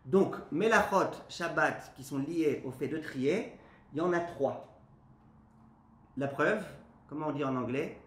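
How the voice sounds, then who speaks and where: A man, a rabbi, giving a lively spoken lesson to a class, often asking his listeners questions and then answering them himself. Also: on the high side, a little slow. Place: classroom with a live audience. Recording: echoey room, faint background noise.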